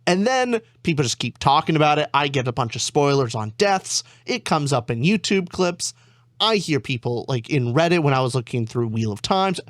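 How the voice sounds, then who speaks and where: A young male guest chats casually in a wry, teasing tone. His voice is a touch high for a man and sounds dry and close to the mic. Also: sing-song, normal speed, no room sound. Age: young adult. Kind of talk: casual chat.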